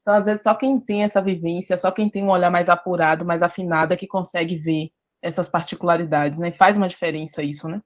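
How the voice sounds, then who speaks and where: A woman's voice: lowish voice, fairly even intonation, fast talker, hardly any pauses, dull audio. A woman hosting a podcast who adds a thoughtful, reflective comment in casual interview chat. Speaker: podcast host.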